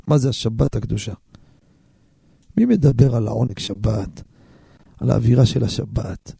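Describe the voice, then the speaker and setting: A man's voice: mid-range voice, gravelly, dark tone, husky, no room sound, studio quality. A man, a rabbi hosting a radio show, who preaches and answers callers with emphatic storytelling. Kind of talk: radio sermon and call-in answers.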